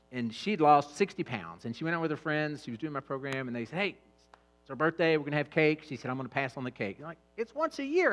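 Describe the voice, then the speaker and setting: A middle-aged man giving a humorous, animated church talk on eating habits, swinging between quiet asides and loud bursts. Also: mid-range voice. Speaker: fitness trainer speaking at church. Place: church hall.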